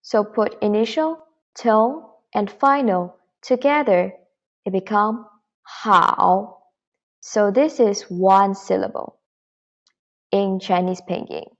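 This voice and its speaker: A woman's voice: mid-range voice, takes it slowly, lo-fi sound. A woman teaching a beginner Mandarin lesson online, patiently modelling syllables and repeating them for learners to copy.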